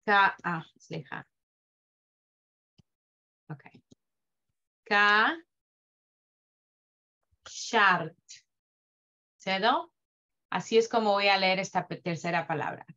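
A woman teaching Hebrew reading in a live class, slowly drawing out sounds to demonstrate them with patience. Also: medium pitch, fairly bright tone. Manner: patient, drawn-out demonstrative pronunciation. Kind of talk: slow online reading lesson. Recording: dull lo-fi audio.

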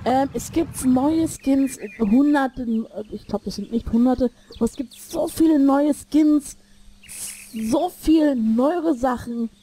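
Slow and high-pitched, this streamer talks casually over her online game while a little ill and breathless. Her commentary wanders, doubles back on itself and is full of jokes, recorded on a desk mic in her new room with loud game music behind her.

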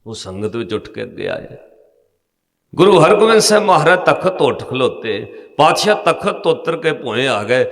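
A man's voice: medium pitch, very animated, normal speed, fairly bright tone. A man with a Punjabi accent giving an emotive storytelling sermon, speaking directly to the congregation. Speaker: preacher. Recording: echoey hall reverb.

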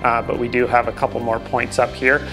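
A man in his forties standing indoors at a table, giving a relaxed product review to the camera with frequent ums and uhs. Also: mid-range voice, brisk, music in the background. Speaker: gear reviewer.

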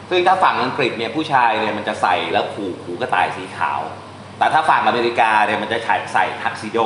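A man's voice: medium pitch, a bit bright, slight background noise. Chatty male teacher in echoey room. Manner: chatty, explains step by step, reads English lines slowly. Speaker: translation teacher. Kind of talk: informal classroom lesson.

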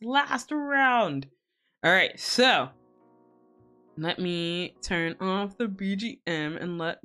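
Female VTuber host, a little low-pitched and slow-paced, playful casual sweary chat. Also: fairly bright tone. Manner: playful, mock-scolding, giggly, casually sweary. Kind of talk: casual livestream chat, reacting to viewers. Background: music.

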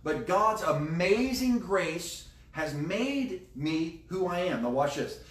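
A middle-aged American pastor preaches a conversational sermon, emphatic and repeating key phrases. His voice sits high, with big pitch swings and a slow pace. He's in an indoor room beside a screen, recorded with a distant microphone and roomy echo.

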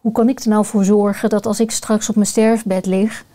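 Mellow-voiced woman coach, thoughtful and searching. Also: medium pitch, little pitch movement, moderate pace. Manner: thoughtful, searching for words with many fillers. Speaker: guest, coach and family constellation facilitator. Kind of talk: reflective podcast conversation.

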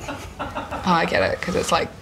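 A woman's voice: a little slow, background noise. A young woman reacting casually in conversation as the opponent in a joke challenge.

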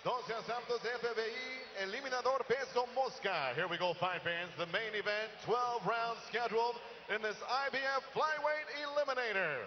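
A man announces fights in the ring in a high-pitched voice, switching between Spanish and English. He stretches names like a showy lucha libre announcer. The sound echoes through a noisy arena and is slightly dull. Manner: booming showman delivery with drawn-out names, like a lucha libre announcer. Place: boxing ring in an indoor arena. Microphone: handheld microphone.

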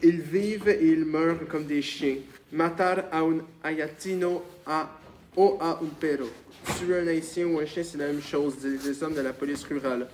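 A man's voice: on the high side, steady tone, normal speed, a little mellow, recorded from a distance, natural voice. A man reading the part of Manuel, an earnest peasant back from Cuba, on a noisy recording with clicks.

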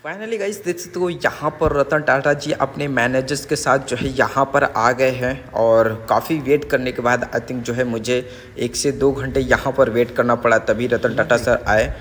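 A man's voice: mid-range voice, fairly even intonation, normal speed, a bit bright, big-room sound, a little hiss or hum. Young man vlogging outdoors on a phone. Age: young adult. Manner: chatty, repeats filler phrases, mixes English words. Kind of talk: casual travel vlog. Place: outdoors by the sea, seaside garden. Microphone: phone at arm's length.

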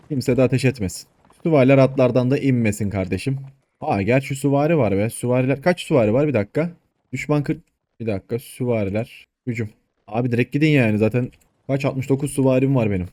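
Male gaming host, mid-pitched, dry close mic, excitable play-by-play with shouted commands and curses. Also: no echo. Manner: excitable, swears at his troops, shouts orders. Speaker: gaming YouTuber. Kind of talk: casual gameplay commentary.

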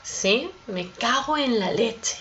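A woman teaching a lesson on expressions, slow and patient, often checking in with her students. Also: a little high, expressive, noisy background. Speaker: Spanish teacher. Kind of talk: explaining expressions with examples. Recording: dull lo-fi audio.

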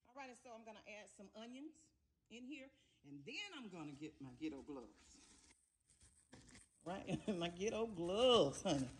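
Middle-aged woman cooking show host; talkative, emphatic, checks in with viewers, average pitch. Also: sing-song, moderate pace, pauses often. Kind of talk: casual cooking demonstration.

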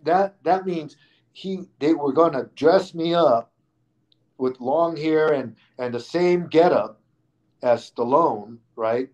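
A man's voice: fairly high pitch, slow pace, darkish tone, muffled recording. A man speaking as a podcast guest, spinning out a story in an easy, casual way. He stumbles into frequent restarts and repeated words as he goes, and he livens up the tale by acting out the people he quotes.

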